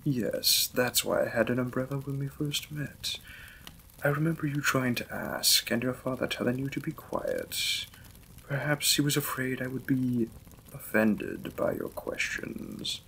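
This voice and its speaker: A man plays a courteous vampire lord and gentle new husband in a Victorian romance audio drama, speaking slowly and formally in a mid-range, sing-song voice with a crisp, bright edge and creaky fry. Polite and reserved, he sounds calm and reassuring in a full character voice, and the poor-quality recording carries clear background noise.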